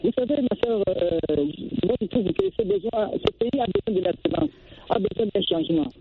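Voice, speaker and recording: A man phones a radio show on a crackly, tinny line full of noise that keeps breaking up and dropping out. His voice sits high and moves lively up and down. Words snag and repeat as the call cuts out. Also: moderate pace, vocal fry. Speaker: radio caller. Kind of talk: phone-in opinion.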